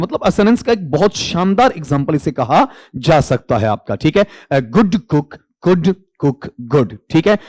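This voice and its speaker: A man's voice: fairly high pitch, a little mellow, no echo. Male exam-prep tutor, Hindi accent, dry close sound, call-and-answer lecturing. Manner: quizzing students and answering himself; calls students 'beta'. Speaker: English teacher.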